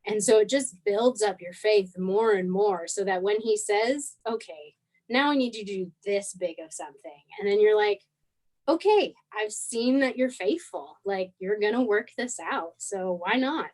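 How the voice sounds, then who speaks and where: Young woman telling a lively story. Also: mid-range voice, normal speed, low-quality recording. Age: 20s. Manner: animated, acts out quoted dialogue. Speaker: guest missionary. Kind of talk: casual storytelling interview.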